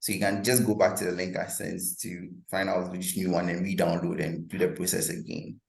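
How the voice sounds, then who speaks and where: Man, workshop presenter, relaxed step-by-step talk, very low voice, echoey room. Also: a little fast, gravelly. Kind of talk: software demonstration.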